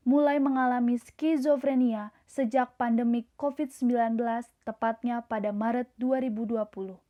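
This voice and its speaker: A woman's voice: on the high side, darkish tone, natural voice. A woman playing a parody TV news anchor, reading a scripted bulletin in a formal, presentational manner.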